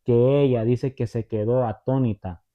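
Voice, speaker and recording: A man's voice: mid-range voice, fairly even intonation, normal speed. A man giving a conversational Bible teaching who retells stories and often checks in with his listeners through tag questions. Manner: retells stories, acting out the voices. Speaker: preacher. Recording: tinny phone-like sound.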